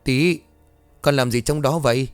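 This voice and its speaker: A man's voice: mid-range voice, unhurried, smooth, no room sound, faint music behind, natural voice. A man voicing a scared young mother in a horror story, with a raised, tense delivery. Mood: anxious. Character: frightened young mother, woman.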